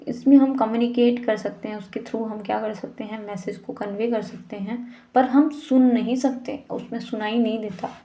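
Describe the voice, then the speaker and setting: A woman's voice: a little high, dark tone. A woman with an Indian accent explains a lesson to students in a casual teaching manner, often asking rhetorical questions and mixing in English terms.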